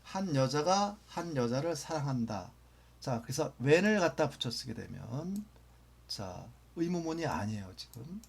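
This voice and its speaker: Man, teacher, grammar lecture, patient and repetitive, raspy, even pitch. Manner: patient, repeats phrases slowly, drops to near-whisper for examples. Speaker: English teacher.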